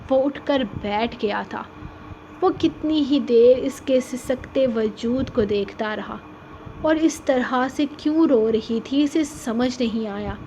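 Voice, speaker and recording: A woman's voice: fairly high pitch, warm tone, a little hiss or hum, poor audio. A woman narrating a romance novel in an audiobook reading, telling the story with drama.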